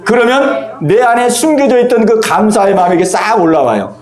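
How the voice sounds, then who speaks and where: A male pastor delivers a Sunday sermon with a fairly high voice in a roomy, echoing sanctuary. He speaks earnestly, says his key lines twice and acts out his own inner thoughts as he goes. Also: expressive, a little fast. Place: church sanctuary. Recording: echoey church room.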